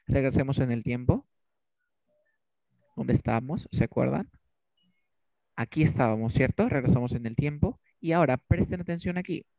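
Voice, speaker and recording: A man teaching an English lesson over a video call, asking question after question and repeating the answers back. His voice sits at a middle pitch and comes through dry, with no room sound. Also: moderate pace, vocal fry, long pauses, dark tone, no room sound. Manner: quizzes students with repeated questions. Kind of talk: online class teaching.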